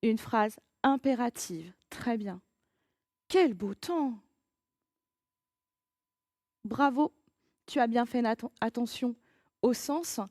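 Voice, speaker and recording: A woman teacher giving a recorded grammar lesson to children, patient and encouraging, reading example sentences with lively emphasis. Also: fairly high pitch, a little slow, dry recording, studio quality.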